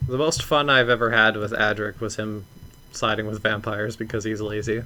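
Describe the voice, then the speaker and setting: A man's voice: lowish voice, flat delivery, moderate pace, bright, forceful tone. A man co-hosting a casual podcast chat, blunt and ranting, swearing freely and laughing between points. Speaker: podcast co-host.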